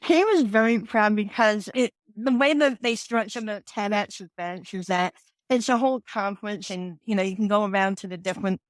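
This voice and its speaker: A confidence coach in her forties with a New York accent tells her story earnestly as a guest on a podcast interview, often restarting her sentences. Her voice is mid-range and moderately paced, and the recording is rough, with no echo.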